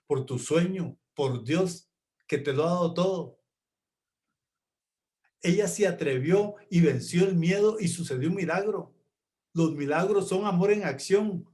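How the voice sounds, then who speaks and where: Animated Spanish-speaking motivational speaker man. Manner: animated storyteller, voices the mother higher and the boy lower, slows for emphasis. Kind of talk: motivational talk with acted-out story.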